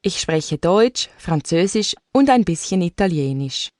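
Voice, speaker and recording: Female coursebook voice, measured and enunciated, lower pitch, dry. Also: animated, darkish tone, no echo. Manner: clear, slow, carefully enunciated. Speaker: textbook audio speaker. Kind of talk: scripted textbook listening exercise.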